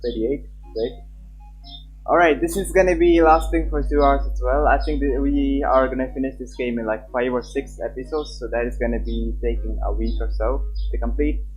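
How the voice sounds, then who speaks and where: This young streamer speaks at a moderate pace in a steady, mid-range voice, reading story text from the game and chatting in a loose, repetitive way. Game background music plays behind him, and his lo-fi mic sounds dull.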